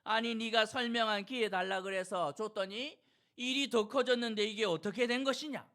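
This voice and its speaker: A man's voice: high-pitched, moderate pace, pushed and bright. A male pastor voicing an angry Roman commander who scolds and demands answers. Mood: exasperated.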